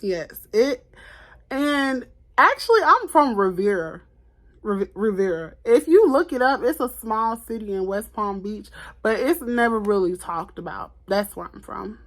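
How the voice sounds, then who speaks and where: A woman in her twenties from Florida, chatting casually to camera as a podcast host, animated and repeating herself with laughs. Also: mid-range voice, measured pace. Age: 20s. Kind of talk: casual vlog chat to camera.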